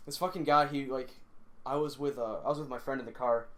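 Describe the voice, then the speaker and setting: A man's voice: mid-range voice, steady tone, fast. A young man hosting a casual podcast, telling rambling stories full of swearing and laughing as he goes. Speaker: podcast host. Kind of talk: casual chat.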